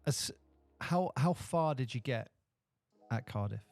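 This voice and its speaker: A man hosting a basketball podcast, excitable and teasing in casual chat. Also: mid-range voice, unhurried, creaky, dry recording, soft background music. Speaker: podcast host.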